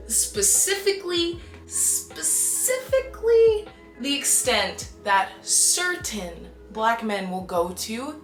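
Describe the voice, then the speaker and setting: A young woman from Canada in her twenties, talking casually to the camera in an animated, exasperated and emphatic way. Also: medium pitch, roomy sound. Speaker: vlogger. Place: small bright room indoors.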